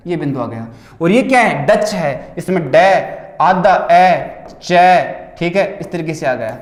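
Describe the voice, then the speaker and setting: Guy teaching, high voice, keeps asking and answering his own questions, roomy echo. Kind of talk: exam paper solution lecture.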